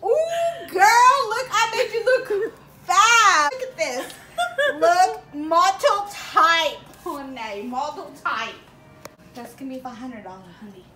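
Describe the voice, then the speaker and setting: A woman's voice: sits high, takes it slowly, bright, forceful tone, full character voice. A woman playing a boastful salon stylist in a comedy sketch, with sassy, theatrical drag-queen manner and honey-this, girl-that talk. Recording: echoey room with faint background noise.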